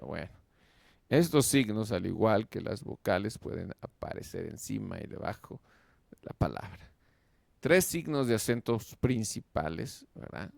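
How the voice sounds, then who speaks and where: A man giving a slow lecture on Biblical Hebrew, explaining step by step and often checking in with "¿verdad?". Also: fairly low pitch, vocal fry, no room sound. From Mexico. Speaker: Hebrew teacher.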